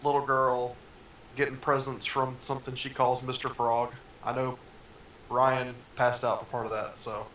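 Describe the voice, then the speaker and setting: A man's voice: medium pitch, little pitch movement, normal speed, a bit bright, a little hiss or hum. A man running a tabletop game as game master, talking loosely and casually and swearing freely. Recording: roomy echo.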